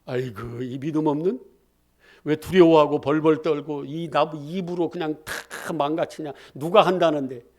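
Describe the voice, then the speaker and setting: Animated man preaching with questions. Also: on the high side, moderate pace. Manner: animated call-and-response preaching with rhetorical questions. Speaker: pastor. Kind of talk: sermon.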